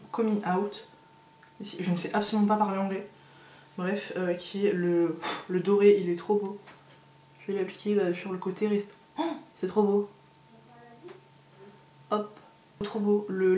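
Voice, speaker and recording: A woman's voice: medium pitch, darkish tone, reverberant. A woman chatting casually through a makeup tutorial, gushing over each product with lots of hesitations. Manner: chatty and gushing, many fillers. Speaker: beauty vlogger.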